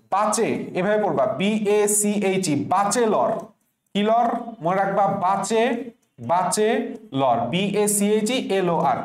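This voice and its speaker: A man's voice: high-pitched, darkish tone, echoey room. A male tutor teaching spelling for an admission exam. He breaks words into separate sounds, repeats them, and asks rhetorical questions.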